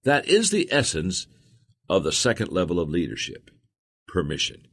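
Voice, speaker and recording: A man narrates a nonfiction audiobook in a very deep voice. His intonation swings widely as he leans on contrasts and key words. The reading stays expressive and emphatic throughout. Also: normal speed, vocal fry.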